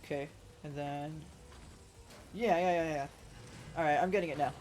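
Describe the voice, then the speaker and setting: A woman game streamer with a sore, rough throat, chatting in a rambling, casual way and swearing freely while she plays. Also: low-pitched, steady tone, normal speed, darkish tone, a little hiss or hum. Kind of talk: casual let's-play commentary.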